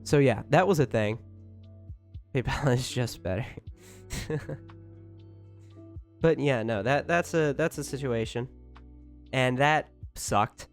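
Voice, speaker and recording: Music plays as a man hosts a casual stream, rambling chattily to his chat, informal and swearing as he keeps talking. His mid-range voice moves slowly, with long pauses.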